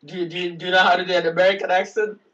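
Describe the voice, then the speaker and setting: A man's voice: sits high, flat delivery, very fast, recorded from a distance, lo-fi sound, background noise. Stammering giggly male talk host. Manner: stammering, giggly, repeats words. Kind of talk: casual chat.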